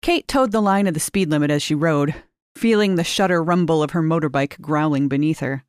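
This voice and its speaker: A woman reads short fiction aloud in a slightly low, clear, resonant voice, narrating in a measured, expressive way and lifting key words for emphasis. The recording is close and dry, without any room sound.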